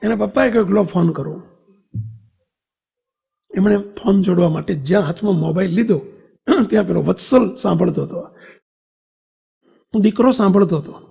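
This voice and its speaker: A male preacher with a high, husky voice and a gravelly edge. He tells a family story in his sermon, acting out its voices, and asks the listeners to raise their hands. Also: normal speed, long pauses, warm tone, long reverb tail. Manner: acts out family dialogue in story.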